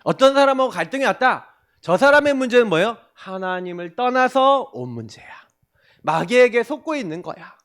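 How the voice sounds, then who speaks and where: Male pastor giving a youth sermon, pitched high and very animated, answers his own questions. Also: moderate pace. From South Korea. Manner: animated, asks the congregation questions and answers them himself.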